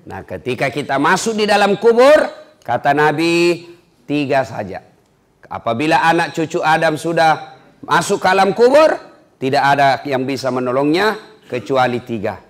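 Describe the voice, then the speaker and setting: A male preacher delivers a storytelling sermon full of humor. His voice sits a little high for a man, and he slips playfully into the voices of his characters. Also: very animated, moderate pace.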